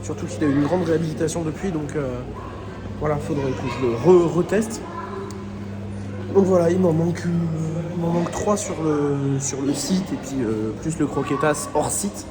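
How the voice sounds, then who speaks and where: A man's voice: fairly high pitch, moderate pace, noisy background. A man chatting enthusiastically as he vlogs his walk around a theme park, filming himself on a phone. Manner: chatty and enthusiastic, often restarts phrases. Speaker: vlogger. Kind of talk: casual vlog chat. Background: music.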